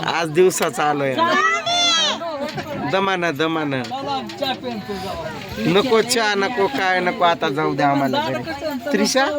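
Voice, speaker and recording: A man's voice: on the high side, expressive, takes it slowly, long pauses, a loud crowd. A man vlogging, chatting and teasing as he rides outdoors on a farm vehicle. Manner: teasing, bantering. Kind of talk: casual vlog chat and teasing. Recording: loud outdoor vehicle noise.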